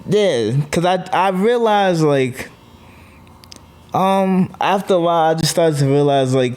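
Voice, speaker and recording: A man guesting on a podcast as a comedian, telling stories in a relaxed way with lots of "like" fillers. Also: on the high side, unhurried, clean tone. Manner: easygoing storyteller, lots of "like" fillers. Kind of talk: casual podcast chat.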